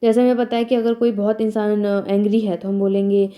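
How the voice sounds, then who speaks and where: A young woman teacher giving an exam revision lecture. She explains points in Hindi, reads the English points slowly, and asks questions that she answers herself. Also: medium pitch, monotone, highs cut off.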